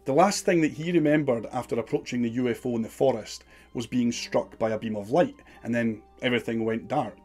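A man's voice: mid-range voice, brisk, hardly any pauses, darkish tone, faint music behind. A man giving scripted documentary narration in a dramatic, suspenseful storytelling manner.

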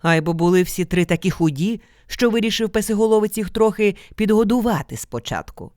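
A woman storyteller giving a theatrical, expressive scripted reading of a folk tale. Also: mid-range voice, brisk, no room sound, clean studio sound.

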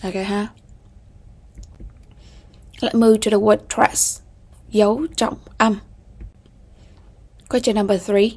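Vietnamese woman teacher, slow and methodical, husky gravelly voice. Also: mid-range voice, a little mellow. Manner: slow, methodical, repeats key words with frequent "ok ha". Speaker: English teacher. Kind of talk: bilingual exam-prep lesson.

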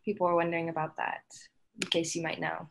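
A young woman moderating an online talk, reading audience questions in a relaxed, slightly hesitant way. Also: on the low side, quick pace, creaky, noisy background. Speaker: event moderator.

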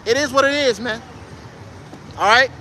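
A man street preaching outdoors in a very high, piercing, tense voice, blunt and profane, tagging his lines with "man" and "bro." He slows right down when he reads scripture. Faint traffic hums behind him. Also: sharp tone. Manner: confrontational, profane, emphatic; reads scripture aloud slowly.

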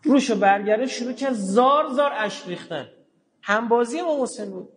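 A man giving a religious lecture in a colloquial way, telling stories and acting out the dialogue, with sudden low, quiet asides. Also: expressive. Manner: colloquial, acts out dialogue in quotes.

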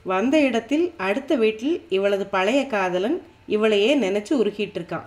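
Cheerful, brisk woman friend, audiobook reading by a female narrator. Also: mid-range voice, animated, darkish tone, soft background music, lightly acted. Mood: chatty.

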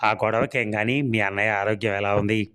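A man's voice: on the low side, steady tone, moderate pace, sharp tone. A man reading a storybook serial, voicing a charming, manipulative village landlord who laughs things off. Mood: coaxing. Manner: smooth, coaxing, laughs things off.

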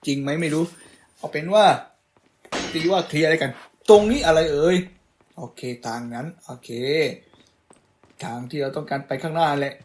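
A man's voice: fairly high pitch, animated, normal speed, pauses often, darkish tone, a little hiss or hum. A young man casually commentating a game he is playing, teasing the enemies in a playful way. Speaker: gaming YouTuber. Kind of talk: casual let's-play commentary.

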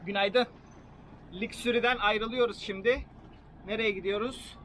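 A man's voice: high-pitched, steady tone, a little slow, a little hiss or hum. A man hosting a travel vlog, narrating and chatting casually to the camera and his companion. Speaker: vlog host. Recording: loud music behind the voice. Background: music.

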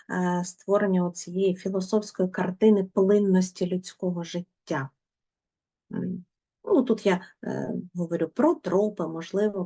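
A woman's voice: mid-range voice, warm tone. A woman teaching a poetry lesson, prompting her students with questions and coaxing them to answer. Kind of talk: literature lesson.

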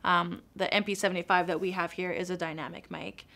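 In a small studio lined with acoustic foam, a young woman gives a casual product demo, chatty and upbeat, gesturing as she walks through a device's menu settings. Her fairly low voice is steady, brisk, bright, and forceful, with vocal fry.

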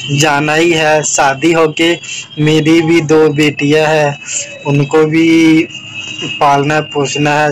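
A man's voice: on the high side, slight background noise, poor audio. A young man chatting casually to his vlog camera in a wistful, reflective way. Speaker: vlogger.

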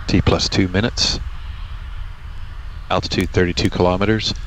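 A man's voice: flat delivery, moderate pace, rough recording. A man giving clipped, technical flight status callouts over mission control radio. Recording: radio comms with loud rumbling noise.

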